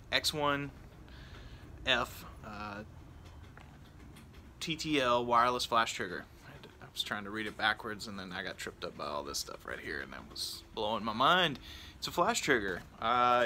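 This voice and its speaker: A man's voice: medium pitch, lively intonation, moderate pace, pushed and bright, slight background noise. A man chatting casually and informally outdoors in a backyard, rambling and interrupting himself as he reviews gear. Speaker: product reviewer and vlogger. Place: outdoors in a backyard on a rainy evening.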